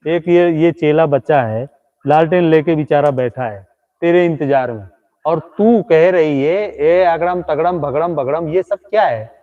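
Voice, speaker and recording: Guy doing a live ghost-prank stream at night, highish voice, kinda muffled lo-fi sound, keeps ribbing the ghost. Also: unhurried. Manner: teasing, talks directly to an unseen ghost. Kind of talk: comedic live-stream commentary. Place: outdoors at night.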